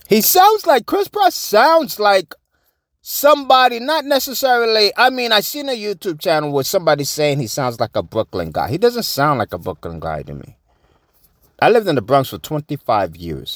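A man giving casual opinion commentary, slangy, animated and repeating himself. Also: high voice, no echo, studio quality. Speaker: vlogger.

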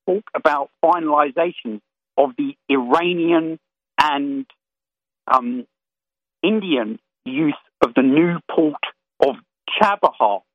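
A man calling in to a radio talk show, giving a rapid, detailed briefing on world affairs. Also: fairly high pitch, no room sound. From Florida. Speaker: caller. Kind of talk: call-in radio commentary. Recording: tinny phone line.

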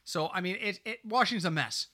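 Male podcast co-host, bright and slightly high, rambling and joking in casual studio chat. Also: quick pace. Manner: chatty, joking, rambling storyteller. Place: small home studio. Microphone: desk mic, sometimes off mic.

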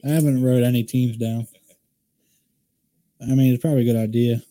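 A man's voice: medium pitch, steady tone, a little fast, warm tone, a little hiss or hum. A man co-hosting a casual sports chat, rambling and opinionated, restarting his sentences often. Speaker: podcast co-host.

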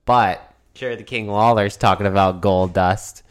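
A man's voice: on the low side, steady tone, moderate pace, clean tone. A man in his thirties hosting a casual wrestling recap, talking like a brash, foul-mouthed frat bro. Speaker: wrestling podcast host.

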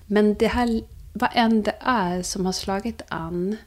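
A young adult woman speaking softly and reflectively as a podcast guest, sometimes dropping to a hush. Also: mid-range voice. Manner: soft, searching, drifts into hushed whispers. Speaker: guest, vocal coach and therapist. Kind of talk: reflective conversation.

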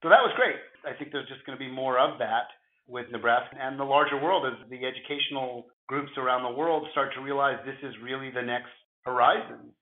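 A man with a gravelly voice, hoarse from flu, explaining things conversationally as an interview guest in measured phrases. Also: medium pitch, roomy sound, narrow, tinny audio. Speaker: interview guest, futurist at a film studio.

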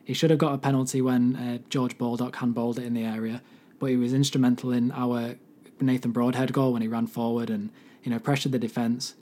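A hoarse man whose voice has mostly gone, talking solo as a football podcast host. His tone is mellow and dark, with little rise and fall in pitch. He gives his opinions earnestly, like a devoted fan. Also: flat delivery, brisk.

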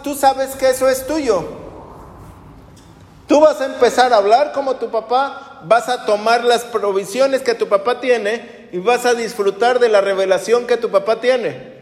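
A man's voice: extremely high pitch, a little mellow, echoey room, big-room sound. A man preaching a sermon as pastor, talking conversationally with rhetorical questions.

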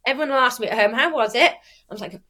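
A woman's voice: a little high, rapid-fire, sharp tone. A woman who says w for r, chatting casually in an interview and explaining things with examples and self-corrections. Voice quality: cannot pronounce R well, says w for r. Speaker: athlete and youth sports coach.

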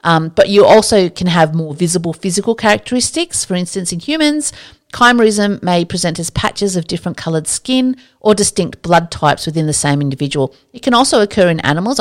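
Woman podcaster chatting about science, fairly low voice, excited and rambly. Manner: chatty, enthusiastic, drifts into asides. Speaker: podcast host. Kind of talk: casual science explainer monologue.

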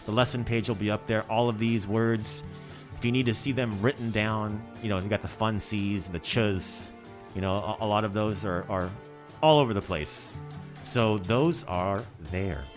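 A man talks relaxed and informally as a show host. His voice is low, and clear music plays beneath him. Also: moderate pace. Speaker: show host reading a sponsor message. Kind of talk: casual show talk. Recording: music playing underneath.

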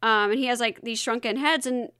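A woman co-hosting a casual podcast chat, telling a story with lots of giggles and animated asides. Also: fairly high pitch, fairly quick, clean tone, no echo, clean studio sound. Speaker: podcast co-host.

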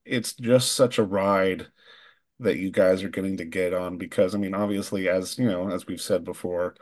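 A man hosts an interview, asking long, winding questions in an eager way. His voice sits very low. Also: fairly even intonation, moderate pace, darkish tone. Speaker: podcast host.

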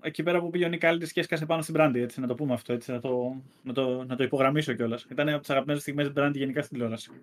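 A man's voice: medium pitch, steady tone. A man co-hosting a casual wrestling podcast, rambling with lots of fillers as he gathers his thoughts. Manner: rambling, many fillers and restarts. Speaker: podcast co-host.

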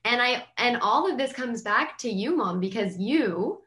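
A woman's voice: on the high side, animated, measured pace, a bit bright. A young adult woman, a child therapist, explaining things in a casual, chatty way with frequent filler words. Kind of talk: casual advice chat.

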